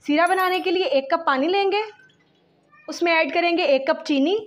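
A woman calmly talking through a home cooking recipe step by step, as a voice-over. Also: extremely high pitch, normal speed, lo-fi sound. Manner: calm step-by-step instructions mixing English words. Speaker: home cooking channel host.

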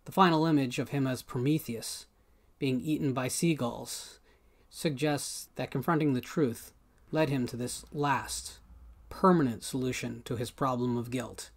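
A man in his thirties talks straight to camera from a small room at home, reading his own critical take on a film. His pace is measured and deliberate, with dramatic pauses between points, and his voice sits at an average pitch for a man. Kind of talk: scripted film analysis to camera.

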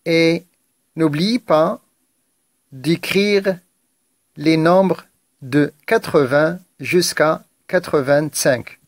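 Slow, patient male French teacher. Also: fairly high pitch, no echo. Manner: slow, patient, repeating words syllable by syllable with praise. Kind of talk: slow, deliberate French reading lesson for children.

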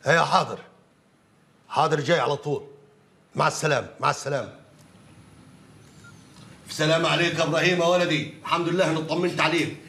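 A man's voice: on the high side, steady tone, fast, pauses often, pushed and bright. An actor playing an older Egyptian uncle who soothes and placates his family. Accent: Egyptian Arabic.

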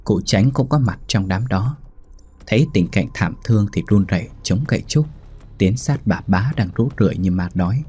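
Low, husky man telling ghost stories. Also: normal speed. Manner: steady, dramatic storytelling. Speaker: storyteller host. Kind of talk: scripted ghost story narration.

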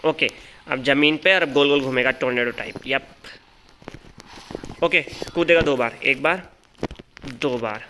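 A man giving excited live commentary as he calls out a boss's moves and talks to his character. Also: medium pitch, unhurried, pauses often, slight background noise. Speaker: gaming channel host.

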